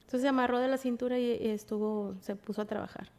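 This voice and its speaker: A woman tells her story as a podcast guest. Her voice sits a little high, and she often trails off into quieter words as she goes. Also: steady tone, fast talker. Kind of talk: casual storytelling.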